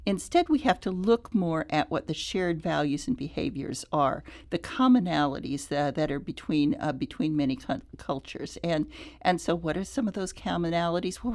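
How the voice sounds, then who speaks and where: A woman with a low voice speaks as a guest on a radio program. She is thoughtful and halting, circling back to restart her sentences. The studio sound is clean. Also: lively intonation, darkish tone. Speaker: nonprofit CEO, guest. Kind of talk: radio interview.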